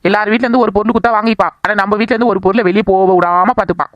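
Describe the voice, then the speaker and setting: A woman's voice: mid-range voice, racing, no echo, lo-fi sound, natural voice. A woman voicing a tired, chatty young mother in a cartoon. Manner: chatty, gossiping. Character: tired young mother rocking a crying baby. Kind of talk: cartoon voice acting.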